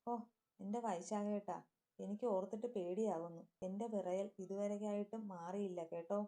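A woman's voice: mid-range voice, fairly even intonation, normal speed, dark tone, natural voice. A woman voicing a frightened young pregnant wife who complains of her fear. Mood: fearful. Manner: whining, fearful.

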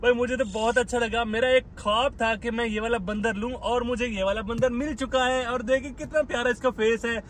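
A man with a high, bright voice hosts a casual pet vlog. He sounds thrilled, coaxing and doting as he talks to a little animal. Faint noise sits under the recording. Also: brisk, hardly any pauses. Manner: excited, coaxing, talks to the monkey in a playful doting voice. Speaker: pet vlogger.

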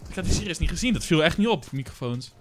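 A young Dutch man reacting to gaming clips, with loud excited bursts and laughter, mixing in English slang. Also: on the high side, rapid-fire, faint music behind. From Netherlands. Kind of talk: casual reaction commentary.

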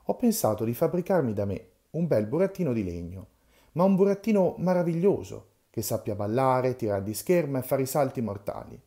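A man reading the part of a lively, touchy old carpenter who is quick to shout when offended, in a storybook reading. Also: medium pitch. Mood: friendly.

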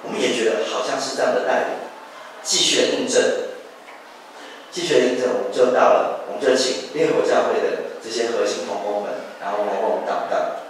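A male pastor giving a sermon testimony, telling his story in a lively way and acting out family conversations. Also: mid-range voice, brisk, a little hiss or hum. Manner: storytelling, animated, acts out quoted family talk. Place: church hall. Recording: echoey church hall, mic far off.

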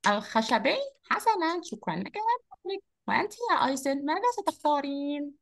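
Brief: woman playing a chirpy boy rabbit, high, sing-song lilt, a children's lesson. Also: fast, creaky, full character voice. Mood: playful. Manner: lively, upbeat, speaks to children. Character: cheerful energetic male rabbit storyteller. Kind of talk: children's online lesson role-play.

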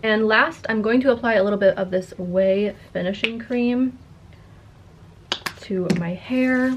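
A woman's voice: mid-range voice, a little slow, lo-fi sound, a little hiss or hum. A woman in her twenties with a slight lisp that makes her s sounds slushy, chatting casually to camera as a content creator. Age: 20s. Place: carpeted attic-style room indoors.

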